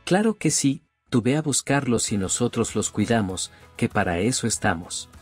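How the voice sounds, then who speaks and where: A performer voicing a friendly male daycare teacher who talks in a calm, reassuring way. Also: mid-range voice, moderate pace, slightly rough, soft background music. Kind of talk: game role-play acting.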